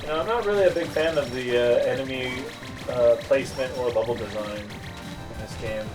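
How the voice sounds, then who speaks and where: A man's voice: medium pitch, moderate pace, recorded from a distance, music in the background. A young man chatting casually while playing a video game, rambling and joking with lots of fillers. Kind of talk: casual gameplay chat.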